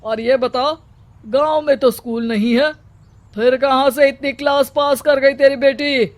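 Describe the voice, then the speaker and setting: A bossy cartoon village headman who barks out orders in a very high, slow, scornful voice, performed by a voice actor. He sounds domineering and stern. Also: fairly even intonation. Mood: commanding. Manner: commanding and scornful. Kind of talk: cartoon story voice acting.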